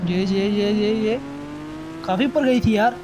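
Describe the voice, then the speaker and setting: Excited man doing gameplay commentary. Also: high-pitched, measured pace, noisy background. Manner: excited, chatty, exclaiming. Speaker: mobile gaming channel host. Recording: game sounds under the voice.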